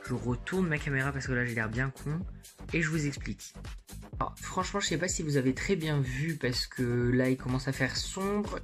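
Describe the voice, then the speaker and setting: Woman doing a casual makeup haul vlog, slangy and candid, bedroom, bit of music behind. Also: rumbling low. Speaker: beauty vlogger.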